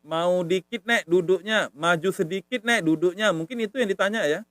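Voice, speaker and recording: A high, fairly bright male voice with no echo delivers a casual live-stream language lesson at a moderate pace. The teacher stays patient and repeats himself, tacking a short "ya" onto nearly every phrase.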